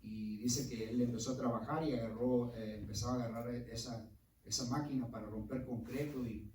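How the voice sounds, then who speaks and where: A man's voice: medium pitch, darkish tone, slight background noise. A man preaching a sermon, telling a story earnestly with many fillers like "este" and "eh". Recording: roomy echo, mic far off.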